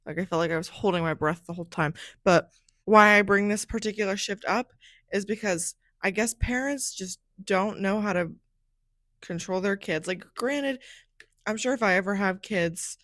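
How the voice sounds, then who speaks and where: A young woman hosts her own podcast and tells stories in a loose, chatty solo session, with "like" scattered through her talk. She sounds slightly groggy, as if she just woke from a nap. Her voice sits at a middling pitch, and the recording is dry, with no room echo. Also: normal speed, fairly bright tone. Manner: chatty, fills speech with "like". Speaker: podcast host. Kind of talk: casual solo storytelling chat.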